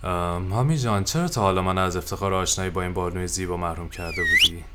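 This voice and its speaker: A woman puts on a deep, velvety voice for a suave, courteous gentleman who speaks slowly and calmly. It is pitched far below her own voice and heard a little off-mic. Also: slight background noise, exaggerated voice. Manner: slow, smooth, courteous. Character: suave, calm, handsome gentleman.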